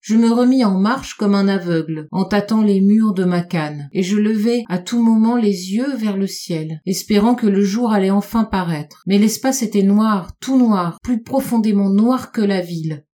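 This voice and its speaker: A woman reading a classic short story aloud as an audiobook, measured and unhurried, slowing and dropping her voice on dark repeated phrases. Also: mid-range voice. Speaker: audiobook reader. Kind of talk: literary audiobook narration.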